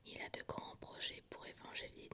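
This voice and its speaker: A woman speaks entirely in a soft, breathy ASMR whisper, the hushed library kind. She presents books like a vlogger, with no full voice behind the words. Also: normal speed. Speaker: book vlogger presenting a reading list.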